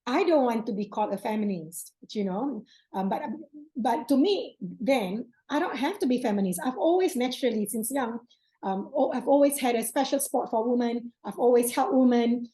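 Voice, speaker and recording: A woman's voice: on the high side, expressive, normal speed, warm tone, low-quality recording. A woman hosting an interview, talking earnestly about her own views, with many fillers and restarts. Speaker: podcast host. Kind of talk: interview conversation.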